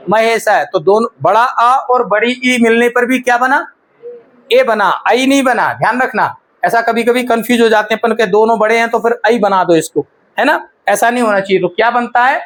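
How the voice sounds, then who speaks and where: A teacher explaining a lesson step by step and checking often that the class follows. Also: mid-range voice.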